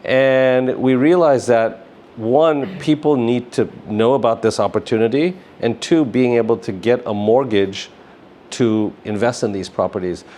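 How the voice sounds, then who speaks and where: A middle-aged business founder, interviewed as a guest, talks casually and rambles, often dropping "you know" and "like." His medium-pitched voice is dark in tone and measured in pace, with a faint hiss or hum in the recording.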